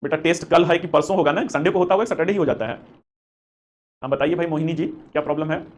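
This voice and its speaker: Fast-talking Hindi history teacher, a man. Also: on the high side. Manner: addresses students as beta, chatty and encouraging; mixes Hindi with English terms. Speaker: history teacher for civil service exam coaching. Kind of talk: live online class with chat questions.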